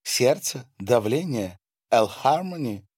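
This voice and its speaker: A man's voice: mid-range voice, big pitch swings, takes it slowly, darkish tone, breathy edge, dry recording, studio quality, pitched above the performer's own voice, full character voice. A man voicing a gracious middle-aged countess, chatty and genial. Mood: curious.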